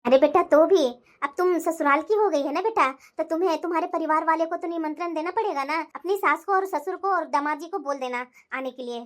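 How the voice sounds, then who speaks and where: A woman's voice: extremely high pitch, fairly bright tone. A woman voicing an older, caring mother in a cartoon who speaks to her daughter affectionately. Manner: affectionate, unhurried. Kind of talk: animated cartoon voice acting.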